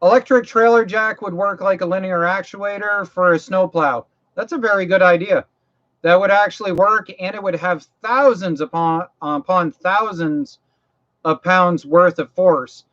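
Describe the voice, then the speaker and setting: Over dull lo-fi audio, a high-pitched man speaks a little slowly in a fairly bright tone. This Maine host of a casual livestream chat guides viewers through mower repairs in a practical, folksy, rambling style, repeating and restarting phrases as his voice tires.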